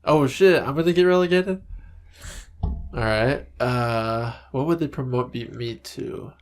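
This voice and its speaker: A man with a mid-range voice speaks unhurriedly as he co-hosts a comedy podcast, with a faint hiss or hum in the audio. His chat is casual and jokey, and he's animated, acting out little scenes as he goes.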